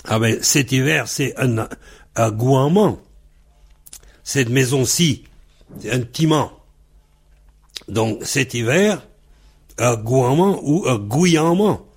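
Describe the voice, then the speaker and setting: A man from Brittany teaching a Breton language lesson, spelling words out letter by letter in a deliberate way. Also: medium pitch, animated, slightly rough.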